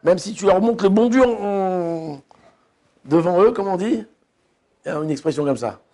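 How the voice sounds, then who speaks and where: Expressive and moderately paced, a rabbi with a high-sitting, darkish voice leads a casual religious lesson. He chats freely, keeps quizzing his listeners, and often starts over mid-thought.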